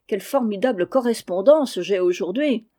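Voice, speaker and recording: A woman reading aloud, voicing an exasperated, grumbling old male postmaster in a mellow voice. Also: mid-range voice, lively intonation, normal speed, close to an everyday voice.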